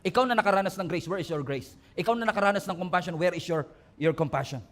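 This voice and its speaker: A man's voice: high-pitched, quick pace, a bit bright. A male pastor preaching a sermon, moving between emphatic, rising appeals and humorous storytelling. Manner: preaching in mixed Tagalog and English, rising to emphatic peaks.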